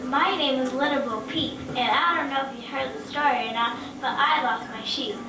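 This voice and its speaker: A woman's voice: high-pitched, normal speed, echoey room, distant mic, noisy background. A woman playing a cheerful young shepherdess in a mock advertisement. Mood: chatty.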